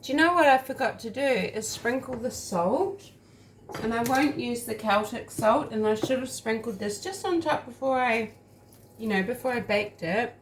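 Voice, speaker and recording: A woman's voice: on the high side, animated, normal speed, a little hiss or hum. A woman chatting casually through a home baking taste test, rambling and talking while she eats.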